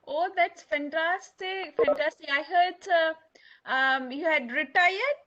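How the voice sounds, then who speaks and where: Malaysian-accented woman, high-pitched, chatty academic host on a call. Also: slow, fairly bright tone, highs cut off. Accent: Malaysian English. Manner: chatty, many fillers. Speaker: academic host of online session. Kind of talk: informal online discussion. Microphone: video call.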